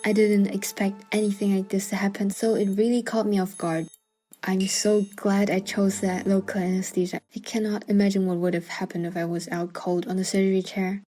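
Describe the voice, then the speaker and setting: This voice-over features a woman telling a scripted story from her own life over background music. She speaks fairly quickly in a warm, mid-range voice with a level tone, adding wry, dramatic and self-deprecating asides.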